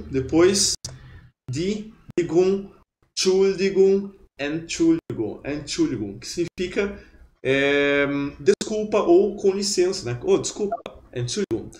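Lively man teaching, roomy sound. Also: a little high. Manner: lively, chatty teaching with repeated drills. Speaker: German teacher. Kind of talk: webinar lesson. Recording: roomy echo.

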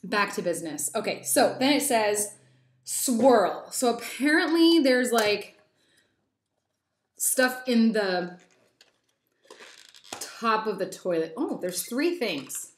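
A woman's voice: a little high, expressive, takes it slowly, pauses often. A young woman chatting through a toy unboxing, giddy and rambling with lots of little asides. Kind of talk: casual unboxing chat. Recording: echoey room.

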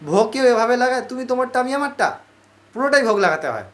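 A man's voice: very high-pitched, big pitch swings, quick pace, a bit bright, voice pushed up, exaggerated voice. A man voicing a kind, playful young god in a devotional story, speaking in an easygoing, teasing way.

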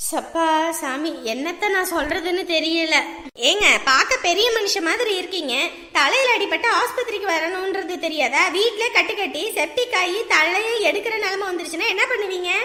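A woman's voice: extremely high pitch, lively intonation, normal speed, sharp tone, exaggerated voice. A woman playing an exasperated doctor who lectures her patients sternly, in a comedy sketch recorded in an echoey room. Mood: exasperated scolding. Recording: echoey room with long reverb.

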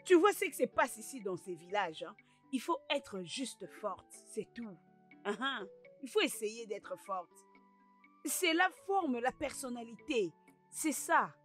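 A woman's voice: high-pitched, very animated, normal speed, a bit bright, soft background music. A woman dubbing a firm, motherly village matron who gives advice and moans in pain. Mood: advising. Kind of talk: dubbed film acting.

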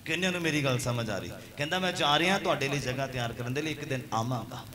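A man, a pastor preaching a sermon who retells scripture as a story, quoting its figures, and rises into loud calls to his congregation. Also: medium pitch, fast, a crowd in the background.

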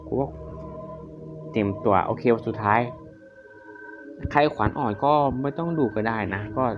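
A game streamer gives casual commentary while playing a horror game, jumpy, exclaiming often and swearing freely. His voice is on the low side at a moderate pace. The audio is somewhat dull and lo-fi, with loud horror game music and sound effects.

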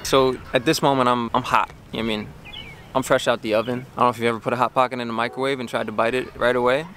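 A man's voice: mid-range voice, level tone, rapid-fire. A young adult man chatting casually on a vlog, making jokey, mock-cocky excuses. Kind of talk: casual chat, sports challenge vlog. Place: outdoor basketball court and car. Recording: wind and outdoor street noise.

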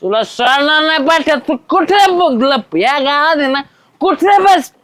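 A man playing a tipsy, quarrelsome village man who dodges a debt, with a loud, bickering manner. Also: very high voice, lively intonation, measured pace, no echo, exaggerated voice. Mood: shouting. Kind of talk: village comedy web series.

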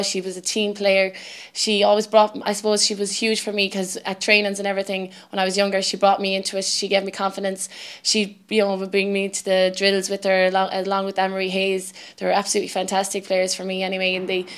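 A woman in her twenties speaks with a west of Ireland accent. Her voice is clear and smooth at a middling pitch, with little rise and fall. She talks reflectively, as an athlete answering interview questions. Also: completely flat delivery, brisk. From Galway, west of Ireland. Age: 20s. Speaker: camogie player being interviewed. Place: indoor interview set with sponsor backdrop.

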